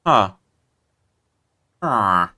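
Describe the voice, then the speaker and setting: This fairly low-pitched man in his 20s sounds bright and forceful, with big swings in pitch and drawn-out words. While building in Minecraft on stream, he rambles chattily, puts himself down, and mutters under his breath as he types commands.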